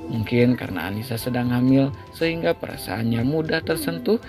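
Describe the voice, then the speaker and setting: A man with a gravelly, creaky voice reads a romance story aloud. His pitch sits in the middle range, with music clearly playing behind him. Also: animated, brisk. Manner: friendly sign-off to listeners. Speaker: story narrator. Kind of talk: reading a serialized romance novel. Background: background music.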